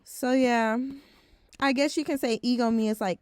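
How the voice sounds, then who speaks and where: A woman's voice: on the high side, fairly even intonation, moderate pace, a little mellow, no echo. A woman around twenty, talking frankly in a casual vlog, swearing now and then and saying "like" a lot. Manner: heavy use of filler "like". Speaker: vlogger.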